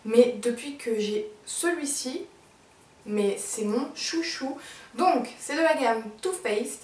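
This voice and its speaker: Her pitch sits fairly high as this female beauty vlogger chats enthusiastically through the month's favorite products, stopping frequently for fillers. The audio has a roomy, far-off quality.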